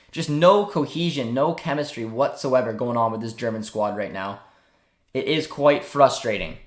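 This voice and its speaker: A man's voice: medium pitch, roomy sound. Chatty young man hosting a livestream. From Canada. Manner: chatty, reads viewer comments aloud and reacts. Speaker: livestream host. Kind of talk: casual live watchalong commentary.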